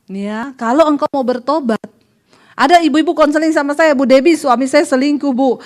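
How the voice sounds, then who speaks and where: A middle-aged woman pastor delivers a sermon in a high, bright voice. She tells her stories with lively, animated energy and acts out the people in them. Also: normal speed.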